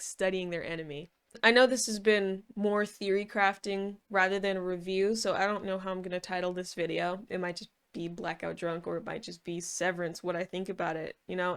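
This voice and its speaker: Casual female vlogger: smooth, clear, mid-pitched, rambling and informal, hedging as she goes. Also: a bit bright. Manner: informal, hedging, thinking aloud. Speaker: video reviewer.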